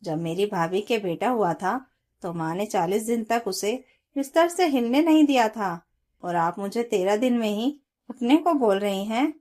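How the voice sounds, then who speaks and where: A woman's voice: medium pitch, expressive, unhurried, dark tone. A woman storyteller voicing a young, worn-out new mother who pleads with her in-laws. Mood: pleading. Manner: pleading, weary.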